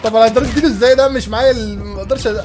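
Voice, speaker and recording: A young man with an Egyptian Arabic accent hosting excited gameplay commentary, gushing and laughing as he plays. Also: very high voice, very fast, noisy background. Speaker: gaming channel host.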